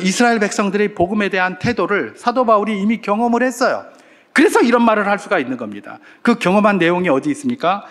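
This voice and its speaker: Male pastor preaching, with animated swings and rhetorical questions. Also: sits high. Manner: animated preaching with acted-out crowd shouts. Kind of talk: sermon.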